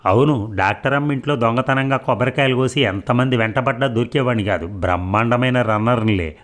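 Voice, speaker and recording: A man's voice: medium pitch, brisk, a bit bright, natural voice. A man voicing an eager, boastful young male assistant in a novel reading.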